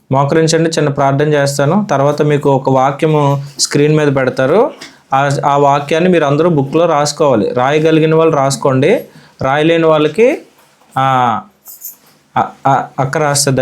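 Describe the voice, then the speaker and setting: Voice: mid-range voice, steady tone, normal speed, long pauses. A Sunday school teacher from India giving a children's Bible lesson in a church classroom, asking the children questions and repeating their answers.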